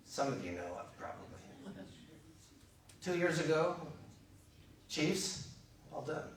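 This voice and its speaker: A man preaches a relaxed, conversational sermon and acts out the lines of the people in his stories. His voice sits a little high. He is picked up from across a very echoey chapel with faint room noise. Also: slow pace. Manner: animated, acts out quoted voices. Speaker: pastor. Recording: echoey room, mic from a distance.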